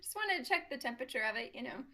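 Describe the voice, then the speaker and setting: A woman's voice: high-pitched, sing-song, very fast, pushed and bright, roomy sound, recorded from a distance, rough recording. A woman giving color commentary on an esports match as co-caster, giggly and encouraging, laughing a lot.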